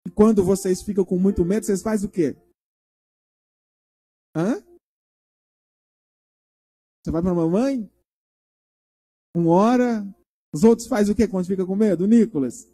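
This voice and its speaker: A man's voice: sits high, moderate pace, pauses often. A male pastor giving a children's sermon in a church, retelling a story and asking the children questions as he goes. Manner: animated, asks the children questions.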